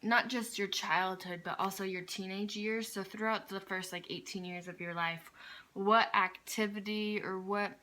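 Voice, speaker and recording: A woman's voice: medium pitch, steady tone, normal speed, sharp tone, a little hiss or hum. A woman hosting a casual interview, asking questions in a chatty, teasing way.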